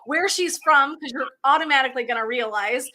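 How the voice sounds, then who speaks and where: A woman's voice: high voice, a little fast, sharp tone, a little hiss or hum. A woman hosting a live video stream, chatting in a bubbly, effusive way. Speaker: host.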